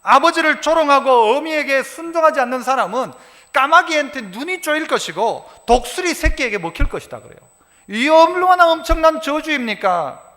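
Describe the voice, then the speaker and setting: High, lively preaching man in reverberant church. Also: moderate pace. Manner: animated preaching, acts out quoted dialogue. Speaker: pastor. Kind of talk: sermon. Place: church sanctuary.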